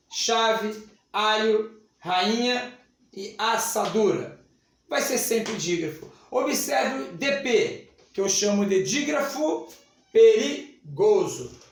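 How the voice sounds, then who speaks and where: A Brazilian man teaching Portuguese grammar at a whiteboard, stretching key words and checking in with the class. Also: sits high. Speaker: Portuguese teacher for civil service exams. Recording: very echoey room.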